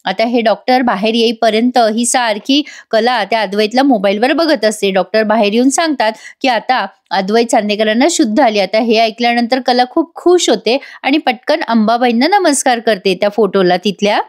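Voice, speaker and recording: A woman's voice: a little high, moderate pace, few pauses. A woman giving a chatty voice-over recap of a TV serial episode, talking straight to her viewers. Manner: chatty, addresses viewers directly. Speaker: TV serial reviewer.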